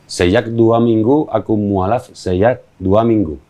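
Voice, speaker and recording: A man from Spain with a Spanish accent answers casually in an interview as a foreigner, speaking simple, halting Indonesian as a non-native. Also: fairly low pitch, fairly even intonation, dark tone. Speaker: interview guest.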